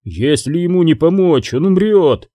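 A man's voice: on the high side, sing-song, measured pace, mellow, dry recording, studio quality. A man playing a stern old protector. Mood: urgent, angry. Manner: stern, angry.

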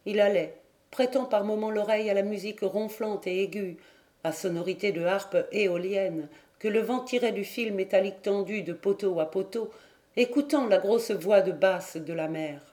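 A woman narrates a literary audiobook in a measured, even storytelling manner. Her voice is mellow and warm, sitting at a middle pitch. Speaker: audiobook reader.

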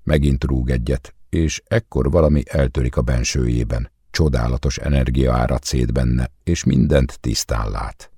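Man with a very deep, husky voice. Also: few pauses, dark tone, no room sound, clean studio sound. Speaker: audiobook reader. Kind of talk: scripted literary narration.

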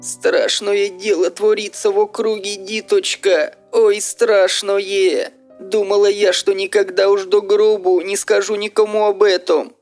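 A man voicing a fretful, pious old village widow who laments in drawn-out, folksy sighs, with faint music behind. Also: high voice, little pitch movement, a little mellow, voice pushed up. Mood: lamenting. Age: older.

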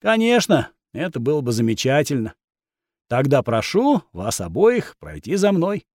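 A man voicing a vain, boastful young swordsman who talks down to others and loses his temper fast. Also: a little high, wildly swooping pitch, a little mellow, no room sound, studio quality. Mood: cocky. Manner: boastful, contemptuous, hot-tempered.

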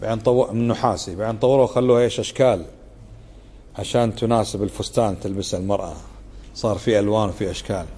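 A man's voice: on the low side, steady tone, racing, mellow, husky. A man teaching a religious lesson, explaining a text in a conversational way, often asking the listeners to confirm and acting out tones of voice to show what they mean. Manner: acts out tones of voice to show meaning. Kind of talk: lesson commentary. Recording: long hall reverb.

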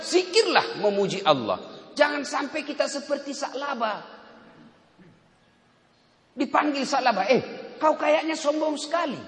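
A middle-aged male preacher giving a lively sermon, asking rhetorical questions, acting out little exchanges and slowly chanting prayers. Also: high-pitched. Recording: echoey hall with long reverb.

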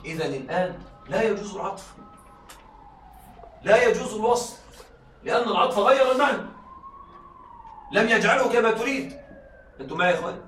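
A high-pitched man with lively intonation and a bit of brightness teaches rhetoric a little fast, with long pauses, checking that students keep up and repeating examples. Echo and faint noise come through a far mic.

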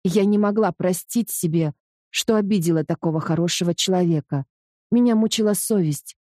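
Mellow-voiced woman narrating a romance. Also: lowish voice, moderate pace, dry recording, clean studio sound. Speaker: audiobook narrator. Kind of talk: first-person romance audiobook narration.

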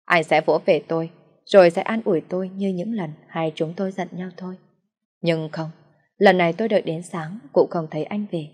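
A woman narrating a first-person story in a sad, steady reading voice. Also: on the low side, a little fast, big-room sound.

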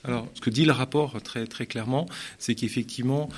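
A man's voice: medium pitch, steady tone, a little fast. A man, an economist guest, explaining at length with frequent restarts and repeated words. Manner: hesitant, repeats words while thinking. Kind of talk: studio interview.

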